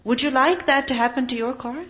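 A woman's voice: high voice, fairly quick, a bit bright, lo-fi sound. Earnest woman teaching a Quran lesson. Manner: earnest, asks the audience questions. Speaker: Islamic teacher.

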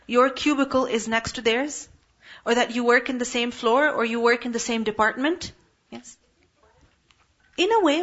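High-voiced woman teaching a class. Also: a bit bright, muffled recording. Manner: asks the class questions and answers them herself. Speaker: Quran teacher. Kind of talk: classroom tafsir lesson.

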